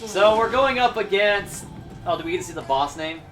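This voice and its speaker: A man's voice: high-pitched, animated, a little fast. A man giving casual let's play commentary as a gaming co-host. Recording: echoey room, distant mic, noisy.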